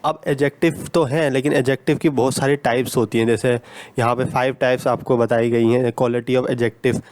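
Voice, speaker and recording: Man, grammar teacher, patient repetitive explaining, mid-pitched voice, dry close sound. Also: steady tone, normal speed, a little mellow, no echo.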